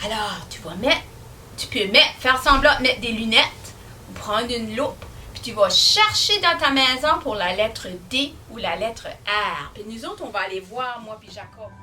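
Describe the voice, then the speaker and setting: A young woman with a Québécois accent teaching young children, asking them questions in a slow, sing-song way. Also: a little high, lively intonation, sharp tone, a little hiss or hum. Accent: Québécois French. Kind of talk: children's lesson.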